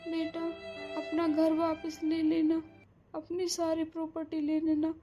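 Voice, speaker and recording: A frail dying mother speaks in a soft, weak voice, urging her child on, as a woman voices her. Her voice is high but quieter and slow, in a cartoon story. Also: completely flat delivery, muffled recording, soft background music. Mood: tender.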